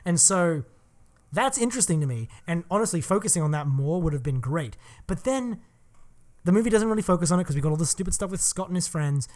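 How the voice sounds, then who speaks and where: A man's voice: fairly high pitch, a little mellow. A man co-hosting a film podcast, giving long, opinionated critiques in casual talk and swearing often.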